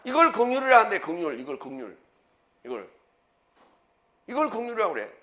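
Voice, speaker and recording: A man pastor preaching a sermon, emphatic, with rhetorical questions and sudden loud bursts. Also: high-pitched, sing-song, a little fast, highs cut off.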